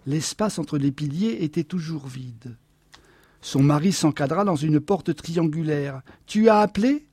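Guy reading a novel aloud, calm expressive storytelling, dark husky tone. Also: on the high side, a little slow, no echo. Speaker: narrator. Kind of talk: audiobook reading of literary fiction.

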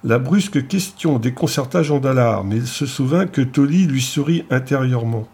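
A man narrating an audiobook in a steady, measured reading. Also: mid-range voice, breathy edge.

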